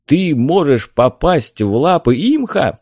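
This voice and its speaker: A man voicing an old, excitable male ship's helmsman in a storybook reading, with exclamatory, astonished lines. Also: a little high, slow pace, no room sound, studio quality, voice pushed up, full character voice.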